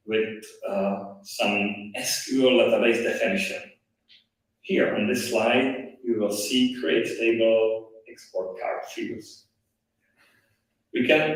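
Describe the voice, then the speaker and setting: A man giving a technical conference presentation, talking haltingly with restarts, his voice played through a loudspeaker and re-recorded. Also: mid-range voice. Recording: echoey, distant speaker re-recording.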